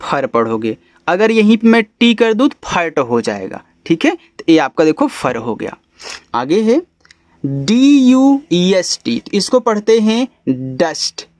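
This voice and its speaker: A man teaching English phonics to beginners, spelling letters out slowly and then saying each word lower. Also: very animated, no room sound, clean studio sound. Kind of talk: phonics lesson explanation.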